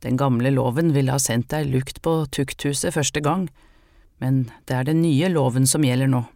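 A stern male priest from an audiobook, handing down judgment in a loud, chanting delivery, as the narrator reads him. The voice sits at a middle pitch and sounds dry and close. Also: fairly even intonation, no echo, lightly acted.

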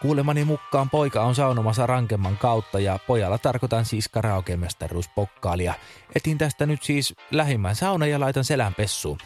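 A man hosting a comic radio show in a crude, deadpan way. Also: medium pitch, faint music behind.

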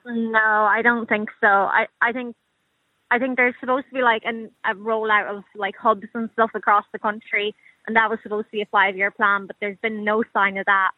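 A woman's voice: fairly high pitch, flat delivery, normal speed, no room sound. A woman of about thirty with an Irish accent, giving a personal account as a radio interview guest in an informal, conversational way. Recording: dry, muffled narrow-band call.

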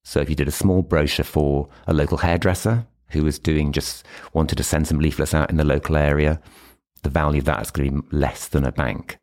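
Male British podcast guest, exceptionally deep pitch, instructive conversational delivery in a meeting room. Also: fairly even intonation, fairly quick, darkish tone. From United Kingdom. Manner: explains step by step with examples. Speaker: podcast guest, illustration licensing expert. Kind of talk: explanatory interview talk.

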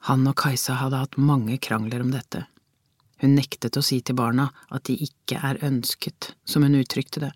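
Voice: mid-range voice, little pitch movement, no echo. Audiobook reader with a dry, close sound. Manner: measured storytelling, tense inner questions. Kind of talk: scripted audiobook narration.

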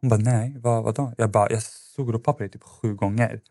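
A man's voice: lowish voice, steady tone, darkish tone, no room sound, clean studio sound. A man, a podcast guest, telling a personal story in a casual, rambling way with lots of fillers and restarts.

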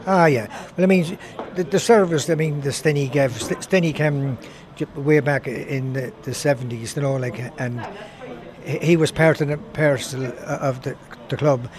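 A man's voice: fairly high pitch, normal speed, crowd noise. An older Irish man reminiscing in a rambling, conversational way, telling anecdotes as a former footballer. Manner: rambling, conversational, repeats himself. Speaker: former footballer being interviewed.

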